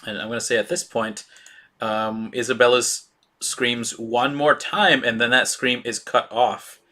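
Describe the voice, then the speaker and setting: Steady and forceful, this medium-pitched, bright male voice narrates tabletop role-playing scenes as game master. He stumbles through his descriptions, leaning heavily on fillers.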